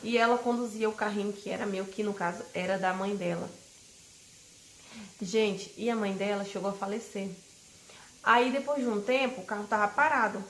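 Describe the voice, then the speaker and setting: A woman's voice: mid-range voice, steady tone, normal speed, a bit bright, slight background noise. Brazilian woman telling a personal story. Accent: Brazilian Portuguese. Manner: emphatic, addresses viewers directly. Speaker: family vlogger. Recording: roomy echo, faint ambience.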